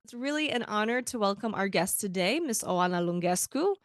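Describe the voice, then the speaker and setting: A woman hosting a podcast, moving from a polished, formal introduction to relaxed conversational questions. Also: mid-range voice, a little fast, soft background music. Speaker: podcast host. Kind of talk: scripted intro and interview questions.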